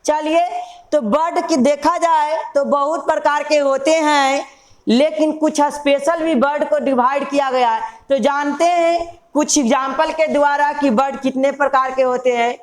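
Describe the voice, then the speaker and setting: A woman's voice: high voice, fairly even intonation, roomy sound. A woman teaching an English grammar lesson, repeating key words and asking questions that she then answers herself. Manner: slow, drawn-out spelling of examples. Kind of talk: classroom lesson.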